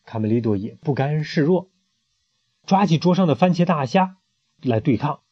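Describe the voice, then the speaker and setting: A man's voice: on the high side, lively intonation, normal speed, breathy edge, no echo. A man reading a picture book aloud to a child, narrating dramatically and adding sound effects. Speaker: storyteller. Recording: muffled lo-fi home recording.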